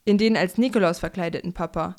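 A woman's voice: fairly low pitch, fast, a little mellow. A woman reading a children's story aloud as a storyteller.

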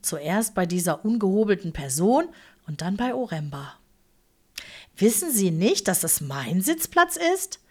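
A woman's voice: medium pitch, sing-song, a little slow, warm tone. A woman voicing a fussy, pedantic middle-aged bookkeeper, stiff, formal and easily indignant.

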